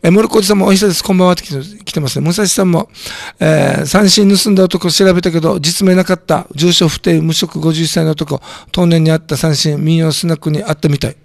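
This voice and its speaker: Man, hoarse, radio host, quick talker, fairly high voice, joking chat. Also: fairly even intonation, no echo. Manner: chatty, jokey, reacts to comments aloud. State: hoarse from a throat cold. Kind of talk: casual radio chat reading listener comments.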